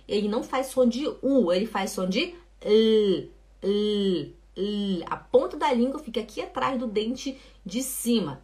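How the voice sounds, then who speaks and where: A woman's voice: on the high side, a bit bright. A woman teaching a live online German lesson, emphatically drilling the pronunciation of a letter and pleading with her students.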